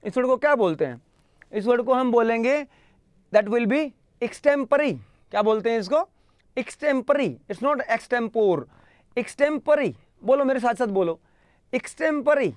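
A man's voice: very high voice, lively intonation, no room sound, clean studio sound. A man with an Indian English accent teaching vocabulary online, mixing Hindi with English, spelling words out letter by letter and having students repeat. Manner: spells words letter by letter and drills pronunciation slowly; mixes Hindi and English, addresses students directly.

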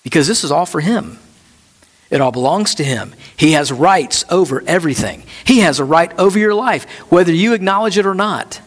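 A man preaching a sermon as pastor, earnest and emphatic, slowing down to lean on key words. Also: on the high side, expressive, in a large hall.

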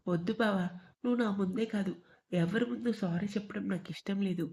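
A young woman from a spoken love story, quick to sulk and quick to tease, read by a woman. Her lines lean affectionate and sarcastic. The voice is mellow rather than bright. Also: mid-range voice, natural voice. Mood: tearful. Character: young woman, emotional, playful and sulky.

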